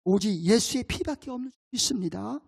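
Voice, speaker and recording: A man's voice: sits high, animated, brisk, gravelly, husky, long reverb tail. A male pastor delivering a sermon in an emphatic way, putting rhetorical questions to his congregation.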